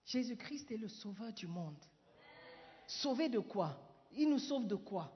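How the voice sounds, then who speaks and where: High-voiced preaching woman, echoing hall. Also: lively intonation, measured pace. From Ghana. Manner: switches between French and English, asks the congregation questions; rises to shouting declarations. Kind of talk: sermon. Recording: dull echoey hall sound.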